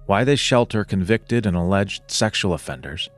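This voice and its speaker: A man with a lowish voice narrates a scripted investigative podcast. He speaks in a measured, serious way, setting out each point evenly. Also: lively intonation, soft background music. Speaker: podcast host and reporter.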